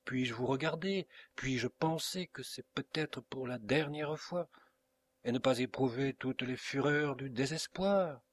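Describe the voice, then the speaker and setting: Man doing an impassioned noble count, audiobook reading, pleading, vehement, slow. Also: medium pitch, close to an everyday voice.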